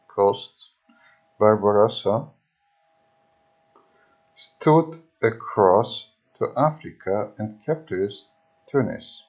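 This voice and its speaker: Guy reading an old history book real slow, lowish voice, kinda dull lo-fi audio w faint music under. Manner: halting, restarts words often. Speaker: reader.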